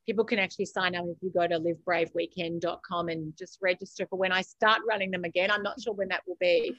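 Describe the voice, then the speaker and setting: A fast-talking Australian woman with a low voice, fairly bright tone and mostly even intonation guests on a motivational podcast as an author and coach. Her advice is emphatic and encouraging, with phrases repeated for effect. The audio is dull but free of echo.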